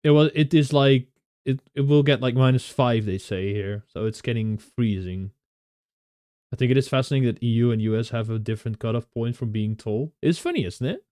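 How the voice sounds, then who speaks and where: With a warm, smooth, mid-range voice that runs a little fast, this young Dutch man streams and chats easily with viewers. He has a Dutch accent, often laughs, and restarts his sentences, and the studio recording is clean without echo.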